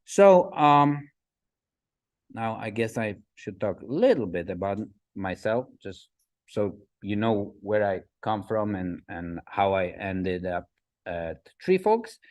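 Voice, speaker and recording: A man in his forties from the Republic, giving a slide talk as a guest speaker, halting with fillers and often asking "right?". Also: on the low side, animated, a little mellow. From Czech Republic. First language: Czech. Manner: halting, many fillers and restarts, asks "right?". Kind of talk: presentation with slides.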